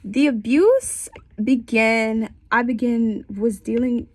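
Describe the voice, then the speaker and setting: With a cold making her voice stuffy, a twenty-something student shares her personal story for class from a small bedroom in a frank, conversational way with wry asides. Her pitch is fairly high and her pace slow, with no room sound.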